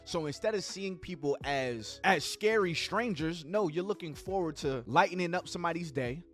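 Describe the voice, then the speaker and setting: A man with a fairly high, very lively voice coaches his listeners. He acts out little sample exchanges as he goes. Soft music plays under him. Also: normal speed. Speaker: podcast host giving dating advice. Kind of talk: advice talk on a podcast.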